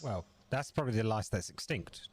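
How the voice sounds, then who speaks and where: Male co-host, slightly low voice, jokey and easily amused, chatting casually. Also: lively intonation, a little hiss or hum. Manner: jokey, quick to laugh. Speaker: podcast co-host. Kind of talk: casual banter.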